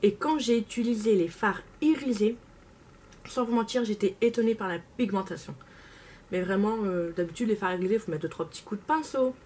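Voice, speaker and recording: An enthusiastic young woman chats casually to her camera, gushing and repeating her words for emphasis. Her pitch sits mid-range for a woman, and steady background noise runs under the home recording. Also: a little fast. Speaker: beauty vlogger. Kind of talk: casual haul video chat.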